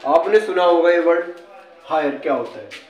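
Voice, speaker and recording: A man's voice: fairly high pitch, animated, moderate pace. A man with an Indian accent explaining English words like a teacher, often asking a question and answering it himself. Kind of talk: casual classroom-style explanation. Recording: echoey room.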